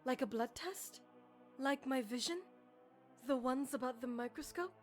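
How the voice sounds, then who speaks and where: A woman's voice: high-pitched, unhurried, faint music behind. An actress playing a hesitant but willing female survivor in a video game, tentative and compliant.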